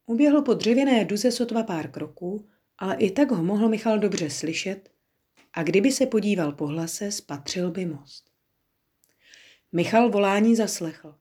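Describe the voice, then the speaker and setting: A woman narrating a children's story as an audiobook, in a calm, measured storytelling manner. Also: mid-range voice, slightly rough.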